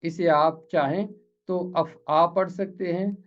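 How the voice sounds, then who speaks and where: A man with an Urdu accent from Pakistan, teaching pronunciation in a slow, explanatory lesson and repeating words carefully to model them. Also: sits high, a little mellow, highs cut off.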